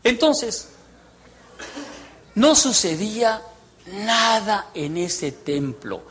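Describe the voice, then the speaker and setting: A man, giving a testimony as a preacher, telling his story in an animated way, with loud bursts and hushed asides. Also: high-pitched, very slow. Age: 60s. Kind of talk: testimony sermon.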